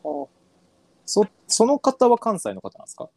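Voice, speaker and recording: A man from northern Kyushu, Japan, co-hosting a podcast in relaxed, chatty conversation, often trailing off and restarting. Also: high voice, moderate pace, no room sound. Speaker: podcast co-host. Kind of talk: casual chat.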